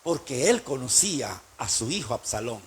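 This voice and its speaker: A man's voice: medium pitch, very animated, normal speed, slightly rough. A man preaching a sermon as pastor, speaking emphatically and asking his congregation rhetorical questions.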